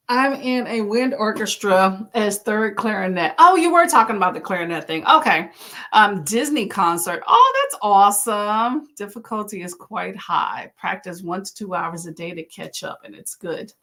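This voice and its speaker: A woman's voice: mid-range voice, animated, a little slow, fairly bright tone. A woman hosting a casual live chat, reading out viewers' comments and encouraging them. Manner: chatty, encouraging, exclaims often. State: clearing her throat. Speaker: livestream host.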